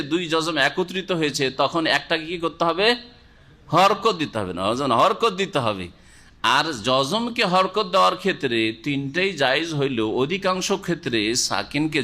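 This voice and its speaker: A man's voice: mid-range voice, bright, forceful tone. A man, a scholar teaching Quranic grammar, who keeps asking questions and answering them himself.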